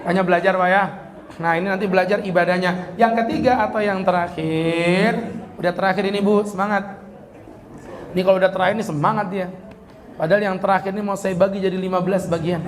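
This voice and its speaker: A male preacher delivers a humorous sermon at a police event, his fairly high voice holding an even intonation over slight background noise. He jokes, imitates regional accents, and chants the Quran slowly.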